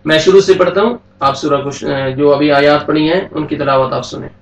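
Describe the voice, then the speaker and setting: A man with a Pakistani Urdu accent teaching a tajweed lesson, slowly chanting verses and then quickly explaining the rules in a soft voice. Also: a little high, distant mic, muffled recording. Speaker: Quran teacher. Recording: echoey room, voice a bit off-mic.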